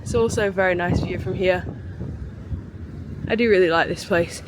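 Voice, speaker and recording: Chatting upbeat and rambly into a handheld camera, this travel vlogger speaks at a moderate pace in a lowish voice. She's out on a city street and also in a small hotel bathroom. Street noise fills the outdoor recording.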